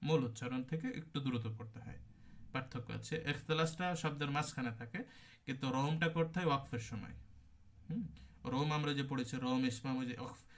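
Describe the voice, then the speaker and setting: A man with a Bangladeshi Bengali accent teaching an online class on Quran recitation, at a middle pitch for a man. He explains patiently, goes over the terms again and sounds out words to demonstrate them.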